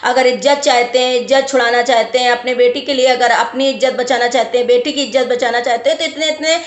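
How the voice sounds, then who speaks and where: Speaking quickly in a fairly high, steady voice, a woman vlogger casually advises her viewers and leans on emphatic repetition to explain. The audio has a roomy, echoey quality.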